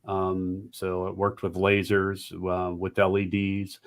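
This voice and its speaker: A man from upstate New York answering interview questions, halting, with frequent ums and uhs. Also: sits low, completely flat delivery. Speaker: guest, company founder.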